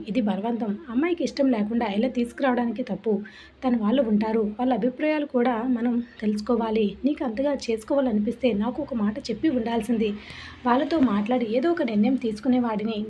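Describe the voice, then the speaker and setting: A woman's voice: on the high side, natural voice. A woman voicing a stern middle-aged male politician father who scolds his son with demanding questions, in a muffled lo-fi recording with faint hiss.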